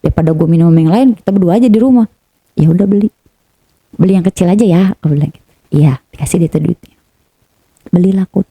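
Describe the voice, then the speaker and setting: A woman, a guest telling a story in lively casual talk and switching her voice for the people she quotes. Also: fairly low pitch, fast talker, pauses often, husky, dry recording. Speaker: interview guest.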